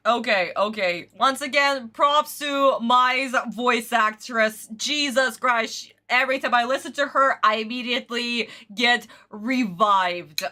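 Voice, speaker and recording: Female reaction streamer, effusive and dramatic, higher-pitched, bright, casual chat delivery. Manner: effusive, theatrical, uses endearments.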